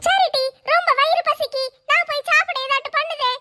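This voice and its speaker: A woman's voice: very high voice, steady tone, brisk, pushed and bright. A woman voicing a bold, bossy older sister who scolds and reassures in a brash way.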